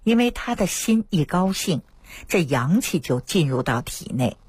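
Woman, radio doctor, storytelling, husky, dry studio sound. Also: fairly low pitch, a little slow, no echo. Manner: lively storytelling, acts out patients' quoted words. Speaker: traditional Chinese medicine doctor on radio. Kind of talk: radio health talk with storytelling.

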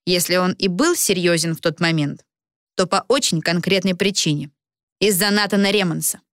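A woman's voice: lowish voice, normal speed, a bit bright, no echo, studio quality, close to an everyday voice. A woman voicing a blunt, sarcastic young woman roommate in an audiobook, speaking in a cutting tone. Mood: scornful.

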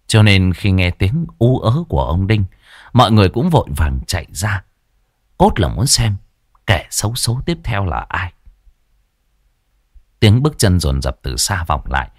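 A man narrating a ghost story in a dramatic, animated storytelling manner. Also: lowish voice, dry recording, clean studio sound.

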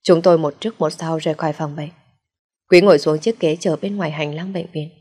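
A woman narrating a first-person audio story in a steady, plaintive way. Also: deep voice, fairly quick, husky.

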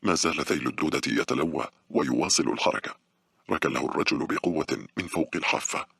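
A man narrating a horror audiobook in a steady, brisk storytelling manner. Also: extremely low pitch, vocal fry, breathy edge, no room sound, studio quality.

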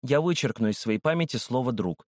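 A man voicing a creaky-voiced, dutiful robot schoolboy who slips into sing-song chanting. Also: medium pitch, lively intonation, brisk, darkish tone, dry recording, clean studio sound, lightly acted. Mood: flat. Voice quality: creaky, hoarse.

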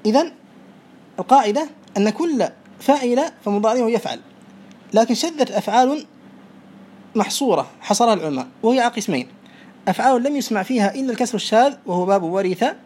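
Teacher, breathy voice, classroom lesson, reciting verse, quizzing students, repeating rules. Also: mid-range voice, lively intonation, fast talker, darkish tone. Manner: recites verse lines, then explains with examples; quizzes students and praises answers. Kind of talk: classroom lesson on Arabic morphology.

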